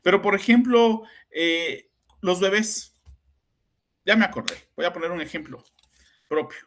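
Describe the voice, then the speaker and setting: A middle-aged Mexican psychoanalyst hosts a podcast, telling anecdotes in a chatty, conversational way and often finishing with tag questions. He speaks with a Mexican Spanish accent in a high, somewhat bright voice, unhurried.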